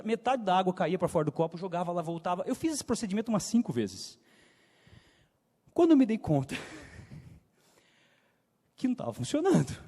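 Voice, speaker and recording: A Brazilian man in his thirties preaching to young people as a story, with a countryside São Paulo accent, his voice swinging loud and soft. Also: high voice. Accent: Brazilian Portuguese, São Paulo countryside. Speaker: youth preacher. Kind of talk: sermon told as a personal story. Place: church hall. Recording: church hall reverb.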